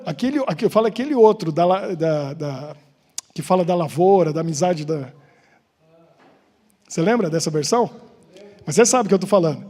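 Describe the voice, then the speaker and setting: A Brazilian man preaching with a Brazilian Portuguese accent, chatty and joking as he asks the congregation questions. His voice sits high and comes out a little husky. The long reverb of a church hall hangs behind every word. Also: a little mellow. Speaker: pastor. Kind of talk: informal sermon with banter.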